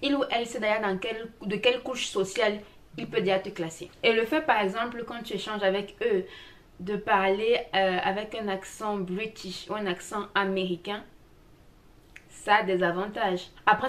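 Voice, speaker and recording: A woman vlogger talks to her viewers in a casual, chatty way. Her voice sits at a middle pitch and she keeps an animated, personal tone. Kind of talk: casual travel vlog.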